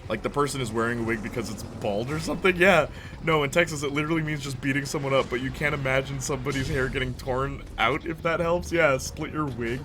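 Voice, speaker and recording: A man's voice: mid-range voice, fast talker. A man streaming a game, chatting casually with viewers and joking around. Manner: joking, chatty, laughs often. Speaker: gaming streamer. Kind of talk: casual chat while playing a game. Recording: noisy background hiss.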